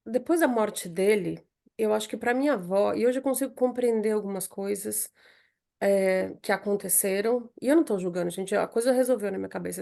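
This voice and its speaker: A woman tells a personal faith testimony to her listeners. Her voice has a gravelly edge and a dark, mellow tone. She talks in a loose, emotional way, restarting sentences and circling back over the same words. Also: mid-range voice. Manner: emotional storytelling with many restarts and repetitions. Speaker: speaker sharing a testimony.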